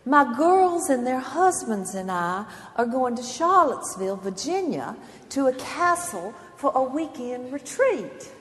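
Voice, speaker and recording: A woman's voice: high-pitched, sing-song, measured pace, a little hiss or hum, voice pushed up. A woman putting on a gracious elderly Southern lady. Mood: genteel, commanding. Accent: American Southern. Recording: long hall reverb.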